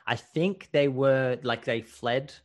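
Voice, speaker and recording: Animated laughing male podcast storyteller. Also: medium pitch, slow. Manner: animated storyteller, laughs often, swears casually. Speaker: podcast co-host telling history stories. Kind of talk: casual chat.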